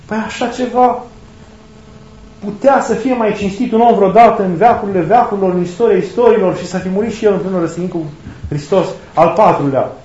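Impassioned preacher with a high voice, echoey. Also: male voice, a little mellow. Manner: impassioned, rhetorical questions, acts out quoted speech. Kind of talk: sermon. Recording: echoey, dull lo-fi room recording.

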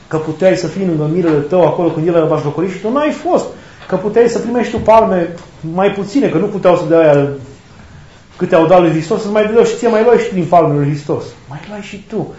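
Impassioned preacher with a high voice, echoey. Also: male voice, darkish tone. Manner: impassioned, rhetorical questions, acts out quoted speech. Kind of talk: sermon. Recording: echoey, dull lo-fi room recording.

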